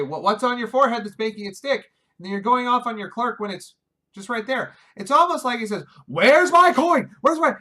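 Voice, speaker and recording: A man's voice: extremely high pitch, sharp tone. A man giving a casual video review of a film, wry and exasperated, often restarting his sentences. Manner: wry, exasperated, talks over himself with restarts.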